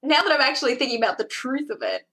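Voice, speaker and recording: A woman's voice: sits high, wildly swooping pitch, sharp tone. A woman with an Australian accent, co-hosting a casual film-discussion podcast with chatty, laughing asides. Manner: chatty, quick to laugh, lots of "like". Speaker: podcast co-host.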